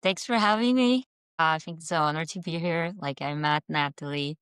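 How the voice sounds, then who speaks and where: Brazilian woman in her 30s, low smooth voice, chatty podcast guest, dry close sound. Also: fairly quick, a bit bright, dry recording, faint music behind. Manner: conversational, friendly, with fillers and small restarts. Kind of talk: casual podcast interview.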